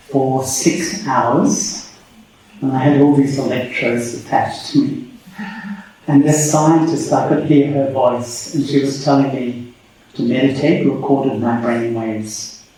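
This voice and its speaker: A man leading a guided meditation, speaking calmly and slowly, his voice echoing through a big hall. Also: mid-range voice, a little hiss or hum. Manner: calm, slow and measured. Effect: big hall echo on the voice. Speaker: meditation teacher. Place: large reverberant hall. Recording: heavy reverb, distant mic, faint music.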